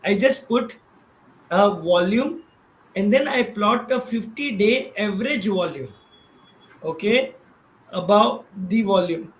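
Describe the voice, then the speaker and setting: In a casual talk on stock trading, a trading professional with an Indian accent speaks as a guest expert, his high voice expressive and slow with long pauses. He explains things conversationally and checks in with the listener as he goes, in a roomy echo with faint background noise.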